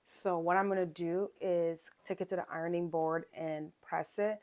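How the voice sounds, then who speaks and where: A woman with a somewhat low voice talks through a quilting project step by step. Her delivery is loose and chatty, full of fillers and quick check-ins with the viewer. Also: steady tone, a little mellow. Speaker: quilting channel host. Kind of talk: casual sewing tutorial.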